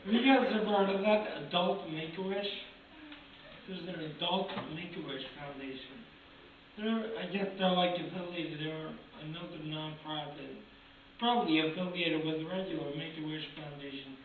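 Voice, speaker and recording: High-voiced stand-up man, tinny distant club tape. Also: moderate pace. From Long Island, New York. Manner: mock-tough, chuckling through punchlines. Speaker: stand-up comedian. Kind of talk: stand-up routine. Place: comedy club stage. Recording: tinny, echoey, distant and noisy.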